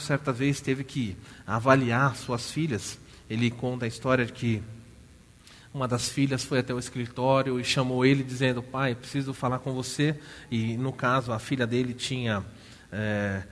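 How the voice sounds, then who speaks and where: A man with a Brazilian Portuguese accent preaching a sermon, telling a story with lively rhetorical questions to the congregation. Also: mid-range voice. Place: church hall. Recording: church hall reverb.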